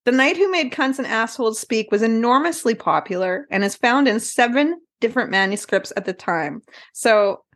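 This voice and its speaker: A woman with a fairly high voice, co-hosting a casual podcast. She talks frankly and bluntly and swears without a second thought. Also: lively intonation, moderate pace, few pauses, fairly bright tone. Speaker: podcast co-host.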